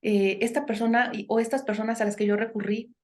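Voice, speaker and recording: A woman's voice: fairly high pitch, fairly even intonation, fast talker. A woman, a guest in a conversational podcast interview, giving earnest advice and often tagging her sentences with questions and "este" fillers. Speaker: guest speaker on impostor syndrome.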